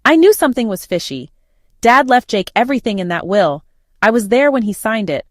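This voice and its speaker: A woman's voice: fairly low pitch, expressive, normal speed, no room sound, studio quality, natural voice. A woman reading the lines of a grim, blunt middle-aged aunt who is a nurse, in a storybook reading. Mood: indignant.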